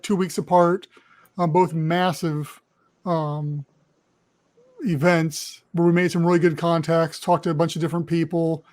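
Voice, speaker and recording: Man, high voice, podcast co-host, rambling, lots of fillers. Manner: rambling, with many fillers and restarts. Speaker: podcast co-host leading the show. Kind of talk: casual chat.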